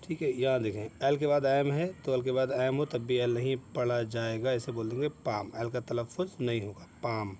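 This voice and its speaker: A man's voice: medium pitch, fairly even intonation, moderate pace, hardly any pauses, a little mellow, a little hiss or hum. A man giving an explanatory lesson, patiently repeating each point and spelling out letters. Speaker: English teacher.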